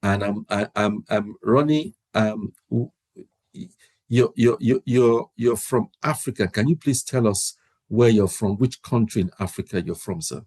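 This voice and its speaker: A man's voice: lowish voice, a little slow, a little mellow. A man hosting a prayer meeting, introducing a guest and interviewing him, often stumbling and repeating words. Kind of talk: live event interview.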